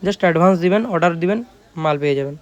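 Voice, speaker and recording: A high-voiced man from West Bengal, India, talks rapid-fire with a Bengali accent as he casually showcases his shop's work in emphatic, repetitive sales language. His tone is clean, though the high frequencies are cut off.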